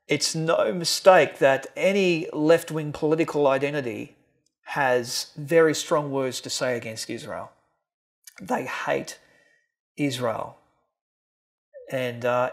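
A man giving a preaching seminar talk, emphatic, slowing and rising on key words and then dropping low. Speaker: seminar speaker.

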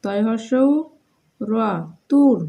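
A woman with a Bengali accent teaching young children, spelling out letters and words in a slow, sing-song way. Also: a little high, dull audio.

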